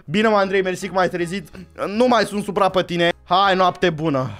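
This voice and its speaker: A man hosting a Minecraft role-play video, talking in an excitable, jokey way and often yelling. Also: sits high, faint music behind. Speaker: gaming channel host.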